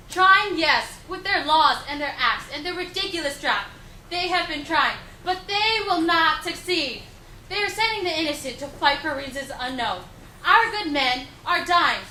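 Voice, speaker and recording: A woman's voice: very high-pitched, lively intonation, moderate pace, pushed and bright, full character voice. A woman playing a defiant young female anti-war activist, declaiming impassioned speeches. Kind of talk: dramatised historical speech. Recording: echoey room with faint background noise.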